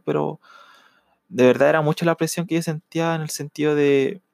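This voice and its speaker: A young man with a Chilean accent, a student telling his own story in a reflective, halting way with many fillers. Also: fairly high pitch, creaky, darkish tone, no echo, studio quality. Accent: Chilean Spanish. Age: young adult. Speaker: university student. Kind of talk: personal testimony.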